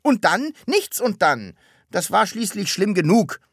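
A woman's voice: low voice, very animated, normal speed, a bit bright, slightly rough, no room sound, clean studio sound, voice pushed up, heavily acted. A woman voicing a fussy, gloomy grown man who complains in a plaintive, exasperated way. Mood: aggrieved.

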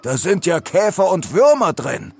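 A man voicing a boastful, clumsy young lion king in a storybook reading, excitable and whiny. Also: medium pitch, unhurried, vocal fry, breathy edge, soft background music, exaggerated voice. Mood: excited.

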